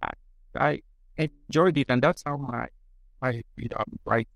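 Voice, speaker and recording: A man, a podcast guest who speaks in a halting, thoughtful way with many restarts. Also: medium pitch, vocal fry, dry recording, poor audio. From Nigeria. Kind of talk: casual interview.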